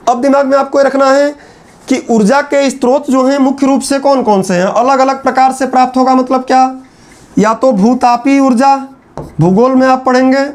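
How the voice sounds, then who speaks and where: A man giving a classroom lecture at a board, repeating phrases slowly so students can write them down. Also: extremely high pitch. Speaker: teacher.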